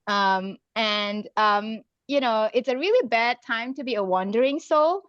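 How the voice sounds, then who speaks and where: A woman from Singapore, an author, chatting casually about her story, hesitant with many pauses and laughs. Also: fairly high pitch, lively intonation, fairly bright tone, no echo. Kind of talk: casual chat. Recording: dull dry lo-fi sound.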